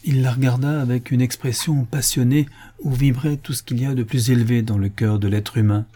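A man narrating a classic novel as an audiobook reader, measured and even. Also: medium pitch, husky. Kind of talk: scripted narration.

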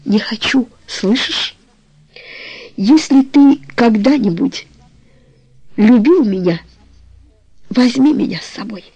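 Brief: a woman voicing a tender, wry man of forty in an audiobook, lowered and quiet, creaky and dark. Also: lively intonation, slow pace, pauses often, no room sound, full character voice, rough recording. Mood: anguished.

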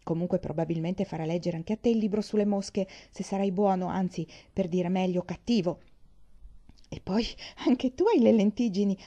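A woman voicing a cheerful, chatty young girl who talks in excited bursts. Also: mid-range voice, moderate pace, lo-fi sound, close to an everyday voice. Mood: eager, chattering. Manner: breathless, excited exclaiming.

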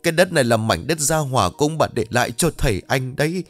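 A man's voice: mid-range voice, sing-song, normal speed, soft background music. A man voicing a frail, widowed old mother who begs her children, in her seventies or older. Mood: desperate. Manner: pleading, trembling.

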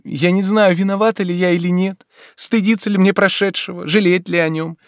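A man's voice: steady tone, brisk, no echo, clean studio sound. A man reading a novel aloud, voicing a young noblewoman who confesses her love in anguish and shame. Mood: despairing. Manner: pleading, tearful, rising emotional pitch. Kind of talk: audiobook reading.

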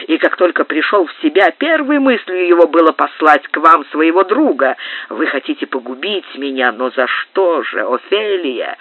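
A woman's voice: lowish voice, dry recording, pitched above the performer's own voice. A woman reading an audiobook, voicing a domineering, jealous marquis who speaks coldly and insinuatingly. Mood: menacing. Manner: cold, insinuating. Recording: tinny narrow-band dry digitized tape.

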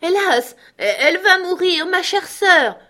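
A woman's voice: very high voice, expressive, takes it slowly, bright, forceful tone, pitched above the performer's own voice, exaggerated voice. A woman voicing a drunken middle-aged man who wails and nearly sobs for his sister. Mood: wailing. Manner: wailing, near sobbing.

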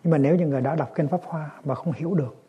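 A man, a Buddhist monk, giving a dharma talk in a gentle storytelling manner that turns lively in the anecdotes. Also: on the high side, very fast, husky, highs cut off. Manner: gentle storytelling, lively when acting scenes.

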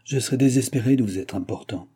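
A man's voice: mid-range voice, fast, mellow, breathy edge, close to an everyday voice. A man voicing a proud, touchy young commoner who answers stiffly.

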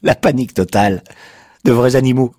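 A man playing an excitable defiant confessor. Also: medium pitch, fairly quick, dry recording, studio quality, pitched above the performer's own voice, natural voice. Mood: mocking. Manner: excitable, sarcastic, swings to shouting. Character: agitated man confessing he killed his noisy house.

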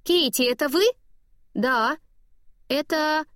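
A woman's voice: high-pitched, takes it slowly, fairly bright tone, dry recording, studio quality, voice pushed up. A woman voicing a cheerful, flustered mother of triplets calling on the phone, bubbly and breathless. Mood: cheery, embarrassed.

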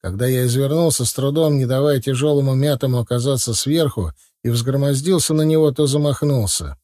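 A man reading a first-person audiobook in a steady, measured way. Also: medium pitch, no echo, studio quality. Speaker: audiobook narrator.

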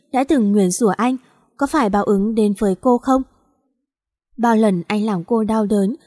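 A woman narrating a romance story in a steady, emotional storytelling manner. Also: on the high side. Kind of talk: scripted narration.

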